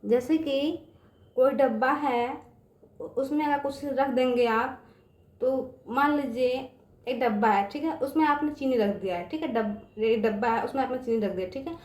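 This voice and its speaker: A woman whose voice sits high and a little mellow speaks at a moderate pace in a roomy-sounding space. During an online English lesson for children she repeats words patiently, often asking "समझ में आ गया बच्चों?"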